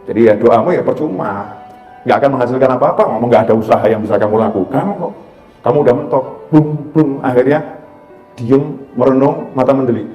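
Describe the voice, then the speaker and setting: A middle-aged man preaching a sermon, animated, breaking into chanted Arabic prayers. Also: medium pitch, fast talker, muffled recording. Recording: roomy hall sound with faint music.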